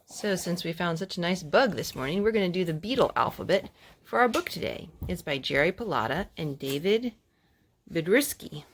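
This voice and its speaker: A mother hosts a children's storytime, reading aloud, chatting and singing, asking the young listeners questions and repeating their answers back. Her voice is lowish with lively intonation at a moderate pace. There is slight background noise.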